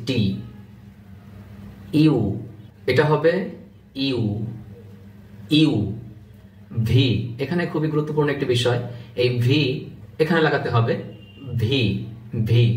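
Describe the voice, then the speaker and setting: A man gives a patient pronunciation lesson, repeating each letter slowly and explaining how to place the tongue and lips. His voice sits at a middle pitch and is picked up from a distance. The room is echoey, with a faint hum of ambience behind him. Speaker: English pronunciation teacher. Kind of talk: instructional video lesson.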